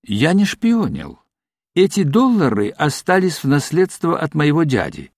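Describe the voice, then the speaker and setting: A man's voice: fairly high pitch, big pitch swings, a little slow, no echo, clean studio sound, exaggerated voice. A man playing a terrified, hysterical arrested doctor. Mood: pleading. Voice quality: trembling, pleading, breaking into shouts. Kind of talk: audiobook reading.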